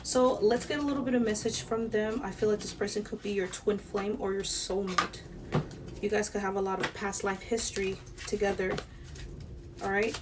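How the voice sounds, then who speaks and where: A woman's voice: medium pitch, distant mic. A young woman giving a casual tarot reading to camera, chatty, swearing lightly and laughing often. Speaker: tarot reader. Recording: air conditioner noise behind.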